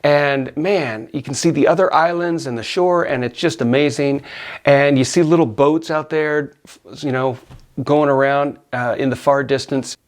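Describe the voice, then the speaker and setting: A middle-aged man casually telling a personal story, animated and often laughing as he acts out his own yells. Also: a little high, normal speed.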